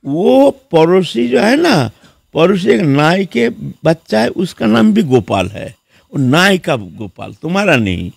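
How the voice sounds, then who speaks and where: A man's voice: sits high, unhurried, vocal fry, husky, no echo, studio quality. A man giving a devotional sermon as a monk, telling stories and acting out the people in them, often saying "haan". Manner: lively storyteller who acts out the people in his story; repeats words and fills with "haan". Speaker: monk preacher.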